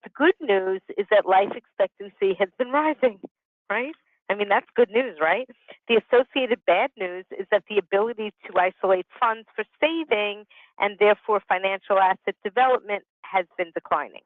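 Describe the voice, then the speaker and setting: Over a conference call, a woman in her sixties presents as a business consultant, mixing explanation with casual asides to a prepared talk. Her pitch is medium and her pace moderate. The audio is dry, narrow and tinny.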